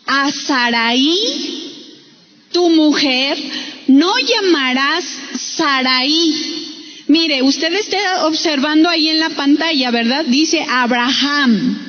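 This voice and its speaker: A woman preaches slowly and with emphasis, her voice sitting high. She keeps turning to the congregation with questions. The sound is dull and carries a long hall reverb. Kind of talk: sermon.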